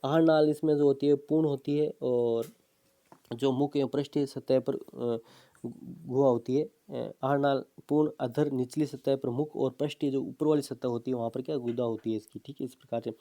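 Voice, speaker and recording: Dark-voiced male biology lecturer. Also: mid-range voice, fairly even intonation, normal speed. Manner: explains step by step, repeats terms and asks himself questions; drops in fillers, "ठीक है" and "है ना". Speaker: biology teacher. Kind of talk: exam-prep lecture.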